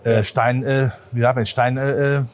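A man as a market analyst guest in an interview, talking in an animated, emphatic way with many fillers, recorded on a stock exchange trading floor. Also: medium pitch, moderate pace.

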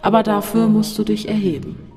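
A narrator voicing a sinister male voice that taunts from a dark shaft in an audiobook, over faint music in a long reverb. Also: mid-range voice, level tone, normal speed, pitched above the performer's own voice, lightly acted. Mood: coaxing. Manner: mocking, then coaxing and seductive.

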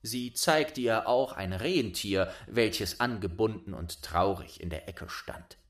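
Man reading a fairy tale slowly. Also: on the low side. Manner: very lively, unhurried reading. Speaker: storyteller. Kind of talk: fairy tale read aloud.

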